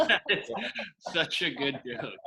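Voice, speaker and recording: A man co-hosting a podcast in casual chat, telling animated anecdotes and laughing through his lines. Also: on the high side, takes it slowly, background noise. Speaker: podcast co-host.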